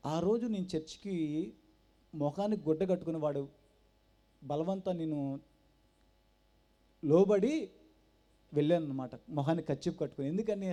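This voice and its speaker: A man giving his personal testimony at a church gathering, telling his story with animated storytelling and acting out the voices of the people in it. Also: on the high side. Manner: animated storytelling that acts out quoted dialogue. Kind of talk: personal testimony told to a congregation.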